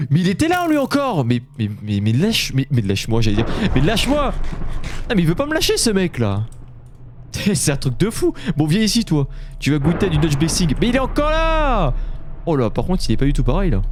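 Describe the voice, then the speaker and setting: A man giving loud, jumpy commentary while playing a horror Minecraft mod, yelping when startled and swearing at the monsters. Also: medium pitch, noisy background. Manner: talks to the game monsters. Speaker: gaming YouTuber. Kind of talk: live Minecraft let's-play commentary.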